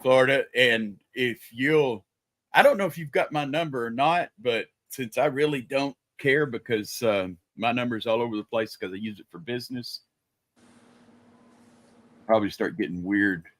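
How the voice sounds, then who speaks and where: A man's voice: medium pitch, moderate pace, a bit bright, no room sound. An older man, a grandfather, chatting casually and telling stories on a livestream. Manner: chatty storyteller. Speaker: livestream panelist. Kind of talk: casual chat.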